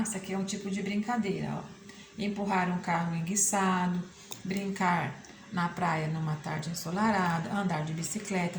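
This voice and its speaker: A Brazilian woman teacher walks her students through a textbook in a remote lesson, pausing often to check they follow. Her voice sits at a middle pitch. She is recorded in a reverberant room with clear background noise. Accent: Brazilian Portuguese. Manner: patient, checks in with frequent "tá?".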